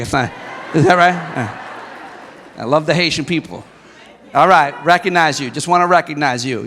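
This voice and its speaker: Impassioned high-voiced man rallying a hall. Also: bright, forceful tone, slight background noise. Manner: impassioned, repetitive rallying cadence. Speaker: guest speaker. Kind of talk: rally speech at convention. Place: large convention hall. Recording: echoey convention hall with crowd.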